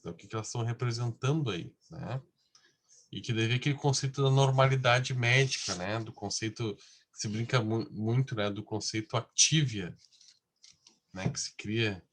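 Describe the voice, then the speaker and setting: A man's voice: mid-range voice, fairly bright tone. A man giving a class lecture in a conversational way, often tagging his sentences with questions. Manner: conversational, frequent tag questions.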